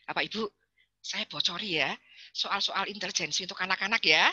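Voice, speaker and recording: Woman, chatty playful webinar speaker, sharp bright tone, dry close sound. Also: mid-range voice, a little fast, slightly rough, dry recording. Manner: chatty and playful, addresses the audience often and reads out chat answers. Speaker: psychologist giving a webinar talk to parents. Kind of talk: lively webinar talk.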